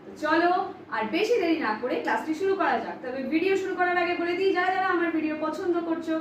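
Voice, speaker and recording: A woman teaching an online spoken English lesson, drilling phrases slowly and clearly and encouraging her students in a friendly way. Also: very high voice, slight background noise. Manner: slow, clearly spaced drilling of words. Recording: very echoey room, voice from a distance.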